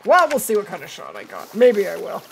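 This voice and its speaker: Her mid-range voice carries vocal fry and huge pitch swings, moving a little fast against slight background noise. She's a woman in her thirties streaming gameplay from an indoor setup, chatting casually with viewers and the game while a cold wears her voice down.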